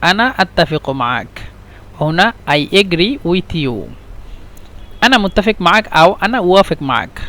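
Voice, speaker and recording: A man teaches a language lesson in a high voice. He explains patiently and repeats each phrase several times, moving between Arabic and English as he goes. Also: big pitch swings, pushed and bright. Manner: slow, repetitive explanations mixing Arabic and English.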